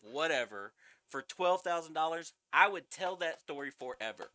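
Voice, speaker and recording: A man's voice: on the high side, animated, moderate pace, bright, forceful tone. A man co-hosting a podcast, giving emphatic, jokey commentary in casual chat. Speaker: podcast co-host.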